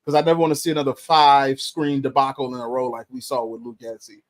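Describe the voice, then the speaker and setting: Over crowd noise, a male podcast co-host talks sports in a relaxed manner, fast and at medium pitch with little variation. He weighs his words carefully, hedging and saying um a lot.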